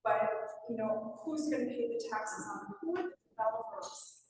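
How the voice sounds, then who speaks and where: A frank woman in her fifties gives a public comment at a town meeting, stacking short, earnest clauses in a slightly high voice. She is heard from a distance in a large meeting hall with a long, booming echo. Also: big pitch swings, moderate pace, gravelly, background noise. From Rockland County, New York. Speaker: resident speaking at a public meeting. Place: fire department meeting hall. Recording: echoey hall from a distant mic.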